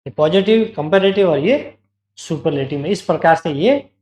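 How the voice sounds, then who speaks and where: A man's voice: fairly high pitch, animated, moderate pace, a little mellow, roomy sound. A male teacher giving an online exam-prep grammar lesson, explaining step by step, repeating key words and asking the class questions.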